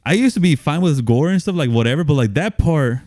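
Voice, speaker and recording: A man's voice: a little high, lively intonation, quick pace, a little mellow, dry recording, studio quality. A man co-hosting a casual movie podcast, laughing often, swearing and animatedly retelling scenes. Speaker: podcast co-host.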